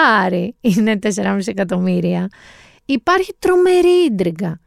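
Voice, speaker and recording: A woman co-hosting a casual talk show, chatting lively and emphatically about new TV series. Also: mid-range voice, gravelly, dry recording, studio quality. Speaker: podcast co-host recommending series. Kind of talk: casual chat.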